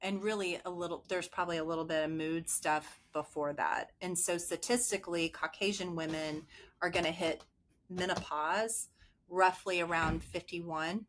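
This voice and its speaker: A woman's voice: fairly low pitch, fairly even intonation, moderate pace, slight background noise. A woman in her late forties, a podcast guest telling rambling, chatty stories full of asides. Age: 40s. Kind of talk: casual podcast chat.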